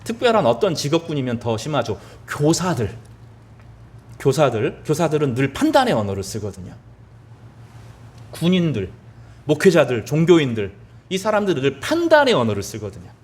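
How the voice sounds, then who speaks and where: A man's voice: fairly high pitch, huge pitch swings, moderate pace, pauses often, a little mellow. A male pastor giving a sermon, asking the congregation questions and answering them himself, repeating words for emphasis.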